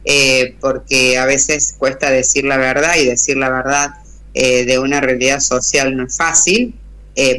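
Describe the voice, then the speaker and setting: A woman with an Argentine accent, a radio guest explaining an idea thoughtfully, pausing often with hesitations. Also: rumbling low, fairly bright tone. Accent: Argentine Spanish. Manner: thoughtful, frequent hesitations and restarts. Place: radio studio.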